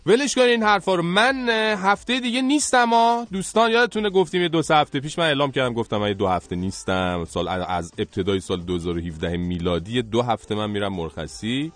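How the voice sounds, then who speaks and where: A man's voice: mid-range voice, hardly any pauses, a bit bright, no echo. A man hosting a radio show, teasing his co-hosts in playful studio banter with sing-song greetings. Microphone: studio microphone.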